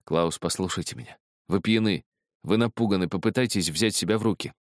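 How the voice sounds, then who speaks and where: A man's voice: low-pitched, a little fast, no room sound, clean studio sound, pitched above the performer's own voice, natural voice. A man voicing a tense, impatient male agent who speaks in terse, strained bursts.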